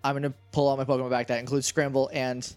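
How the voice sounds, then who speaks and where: A man's voice: medium pitch, fast, faint music behind. A man playing a tabletop role-playing game, chatting casually and animatedly, often restarting his sentences. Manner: animated, self-interrupting chatter. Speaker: player.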